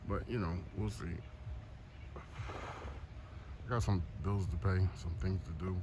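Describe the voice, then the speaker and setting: Slow and low, with fairly even intonation, a man rambles casually through slangy, joking vlog chatter. He's a podcast host and photographer recording outdoors near trolley tracks on a trestle with a phone at arm's length, producing noisy audio and clear outdoor background sound.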